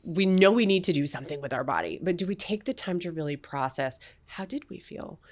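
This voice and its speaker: A woman's voice: fairly low pitch, animated, brisk. A woman hosting a podcast who is also a mom, talking in a supportive, reflective, casual way and often backing up her guest. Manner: supportive, reflective, lots of affirming backchannels. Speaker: podcast host. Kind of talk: casual conversational interview.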